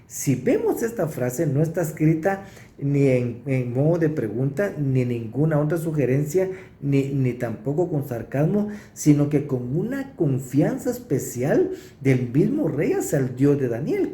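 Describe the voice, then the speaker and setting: A man preaching, teaching through a Bible passage verse by verse and pausing to stress what he reads. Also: on the high side, sing-song, mellow. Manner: explanatory, pauses to stress verses. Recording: roomy echo.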